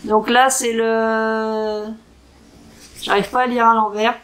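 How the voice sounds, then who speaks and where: A woman chats through her craft supplies in an easygoing show-and-tell vlog. Her voice sits a little high, and she takes her time, pausing often and spelling out unfamiliar words carefully. She talks with plenty of fillers and small self-corrections. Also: flat delivery, a bit bright, low-quality recording. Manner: unhurried and hesitant, sounding out foreign words slowly. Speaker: crafting vlogger.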